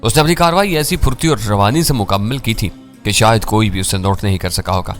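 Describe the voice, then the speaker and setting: A man reading a first-person thriller story in a measured, dramatic way. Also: lowish voice, faint music behind.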